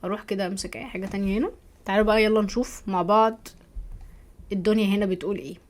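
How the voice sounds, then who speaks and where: An Egyptian woman teaching a software course over a screen recording, chatty, often checking in with her viewers. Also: medium pitch, fairly even intonation, rapid-fire. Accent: Egyptian Arabic. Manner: chatty, keeps asking "تمام؟", thinks aloud while clicking.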